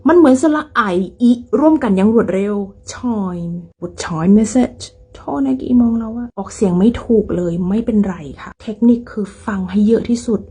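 A woman's voice: medium pitch, expressive, normal speed, hardly any pauses, warm tone, husky. A woman with an Isan Thai accent teaching English pronunciation in a playful, teasing way. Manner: playful, teasing, mixes in dialect. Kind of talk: casual video lesson.

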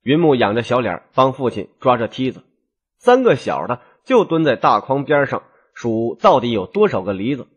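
Male audiobook storyteller with a husky, lively voice and expressive, traditional delivery. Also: mid-range voice, normal speed, muffled recording. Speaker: audiobook narrator.

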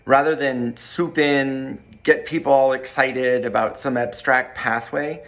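A man in his forties, a corporate training director, reading a measured, polished testimonial to camera in a bright room by large windows. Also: mid-range voice, steady tone.

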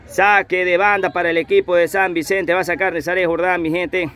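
A man's voice: high-pitched, level tone, a little fast, a bit bright. A man giving live play-by-play football commentary, repeating his phrases over and over. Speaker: amateur football match commentator. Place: outdoors at a football pitch.

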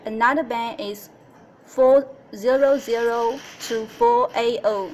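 The higher-pitched woman here has a darkish tone and fairly even intonation as she demonstrates a company product in a semi-scripted tutorial at an indoor desk. She explains haltingly in non-native English, often repeating phrases, and a little hiss or hum is audible.

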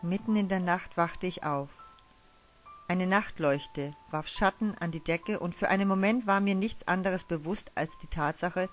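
A woman narrating a first-person audio drama in a hushed, wistful storytelling manner, over faint music. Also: fairly low pitch, unhurried.

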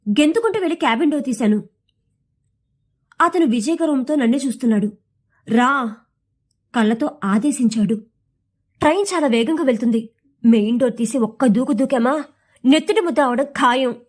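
A woman narrating a suspenseful first-person audio story, reading with expressive, tense delivery. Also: sits high, a little fast, pauses often.

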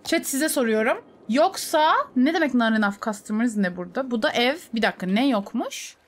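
A woman's voice: a little high, expressive, brisk, a little hiss or hum. A young woman streamer chatting casually over a city-building game, talking to herself and her chat. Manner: chatty, talks to herself and to chat, with sudden laughing outbursts. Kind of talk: casual gameplay commentary.

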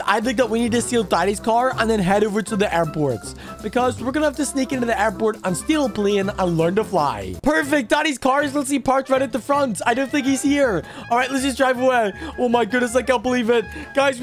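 Man, very high voice, excitable, frantic gaming roleplay, repeats words. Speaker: gaming video host.

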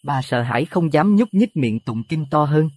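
Male narrator, dramatic horror audio story, lively pitch, dry close sound. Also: moderate pace, dry recording. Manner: expressive, rising to alarm at scary moments.

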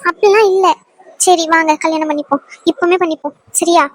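A woman voicing a gentle young woman who is anxious and guilt-ridden about her coming marriage, speaking softly and apologetically. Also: extremely high pitch, fairly even intonation, fairly quick, dry recording. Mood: pleading. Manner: soft, pleading, apologetic. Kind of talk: fan dub of a serial scene.

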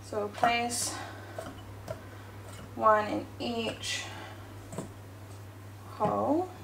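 Baking at home, a woman vlogger chats casually and corrects herself as she works with her hands, giving a relaxed walkthrough. Her voice is a little high, gravelly and very slow. The kitchen is echoey, with faint background noise.

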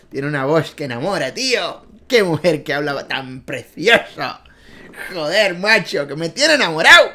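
A man doing an excitable Spanish man, loud and gushing in a fairly high voice, every phrase an exclamation. The delivery stays bright and swooning throughout. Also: measured pace, full character voice. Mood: smitten.

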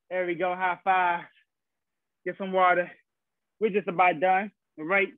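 A young man with a high voice leads a workout as a fitness instructor. He speaks in short, encouraging cues and countdowns. The sound is thin and phone-like, as over a video call, with a dry room. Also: no room sound. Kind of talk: live online HIIT class coaching. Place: small carpeted room at home, indoors. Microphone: laptop or webcam mic on video call.

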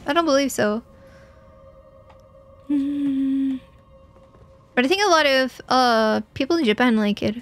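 Faint music plays behind a young adult woman from Portugal as she streams a video game, her high voice a little slow and often pausing. Her commentary is casual and playful, answering viewer messages with jokes and mock irritation.

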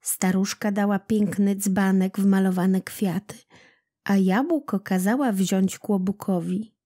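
Slow, mellow woman reading a folk tale. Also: mid-range voice, steady tone, no room sound, clean studio sound. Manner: slow, deliberate storytelling. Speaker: narrator, audiobook reader. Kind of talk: reading a children's legend aloud.

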